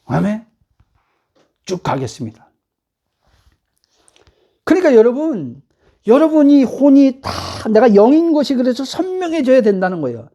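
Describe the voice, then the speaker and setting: A woman pastor delivering a sermon at home, pressing the congregation with rhetorical questions and rising to near-shouts for emphasis. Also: high-pitched, very animated, moderate pace, pauses often, dull audio.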